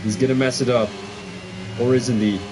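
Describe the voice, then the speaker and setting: Speaking Dutch with a Belgian accent, this man from Belgium calls a sim race live, getting excited and rapidly doubting his calls. He has a medium-pitched voice, with background noise audible.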